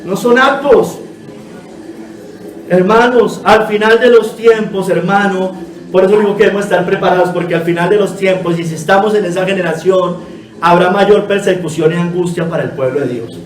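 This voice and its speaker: A man delivers a sermon as pastor, pleading earnestly and addressing his congregation as brothers and sisters. His voice sits high for a man. The sound is roomy and echoing, caught from some distance from the mic. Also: moderate pace. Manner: earnest exhortation, constantly calling listeners brother. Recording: echoey room, voice from a distance.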